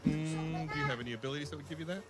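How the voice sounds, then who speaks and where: A man's voice: fairly high pitch, fairly even intonation, very fast. A man narrating a tabletop role-play game as game master, in a casual improvised way. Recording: music behind the voice.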